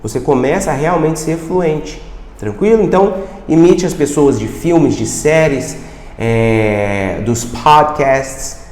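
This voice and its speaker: A Brazilian man with a Brazilian Portuguese accent teaches an informal video lesson, his voice sitting a bit higher than most men's. He talks straight to the viewer and keeps asking quick rhetorical questions. The sound is roomy, with a long reverb trailing behind his words. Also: expressive, dark tone. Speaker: language teacher. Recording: echoey room with long reverb.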